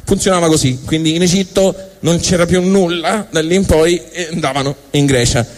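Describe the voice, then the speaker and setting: A stand-up monologist from Tuscany, Italy, performs a comic storytelling monologue with a Tuscan accent. He speaks haltingly and colloquially, often interrupting himself, in a fairly high voice with a steady tone.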